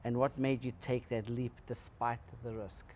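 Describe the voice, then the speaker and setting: A man's voice: mid-range voice, level tone, moderate pace, darkish tone. A man hosting a casual podcast conversation, encouraging his guest with frequent short agreements. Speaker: podcast host.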